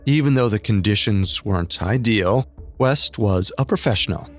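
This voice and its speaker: Low-pitched man narrating true crime. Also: normal speed, soft background music. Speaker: podcast co-host.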